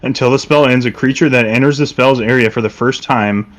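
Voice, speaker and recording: A man's voice: mid-range voice, fairly quick, faint music behind. A young man running a tabletop game as game master, speaking casually and reading rules aloud.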